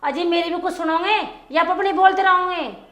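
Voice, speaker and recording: A woman's voice: very high voice, moderate pace, a bit bright. An actress playing a landlord's wife who pleads with her angry husband. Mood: pleading. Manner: pleading, placating. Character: meek puzzled village landlord's wife. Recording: roomy echo.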